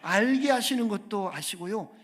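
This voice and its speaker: A man's voice: high-pitched, expressive, normal speed, fairly bright tone. A man preaching a sermon as a guest pastor in a church, emphatic, calling for amens and putting questions to the congregation. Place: church sanctuary.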